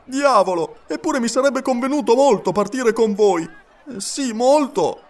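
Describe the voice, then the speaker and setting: A man voicing a cheerful young French manservant who talks in excited exclamations. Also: very high voice, measured pace, some chatter behind, voice pushed up. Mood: eager.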